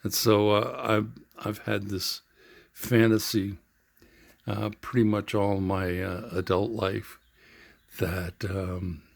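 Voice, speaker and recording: An older man telling his own story in an earnest, halting way, with frequent pauses and fillers. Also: lowish voice, gravelly, dry recording. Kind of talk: reflective personal storytelling.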